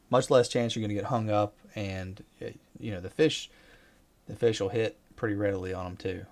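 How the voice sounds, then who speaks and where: A man casually commenting over his fishing footage, relaxed and rambling with excited bursts. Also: fairly low pitch, normal speed. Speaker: fishing vlogger.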